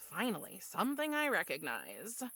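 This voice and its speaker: A woman's voice: medium pitch, huge pitch swings, a little slow, crowd noise. An actress voicing a dry, sardonic young girl in a video game, wry and unimpressed.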